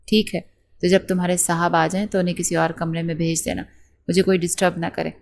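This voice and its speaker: A woman voicing a bitter, spoiled young wife who yells hysterically at her husband. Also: on the low side, level tone, gravelly, slight background noise. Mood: sharp. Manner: shouting, hysterical.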